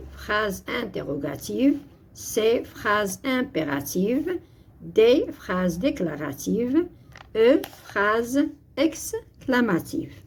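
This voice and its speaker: Woman, French teacher, very breathy raspy voice, lively intonation. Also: medium pitch. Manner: slow, deliberate, switching between French and Moroccan Arabic. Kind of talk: explaining grammar exercises.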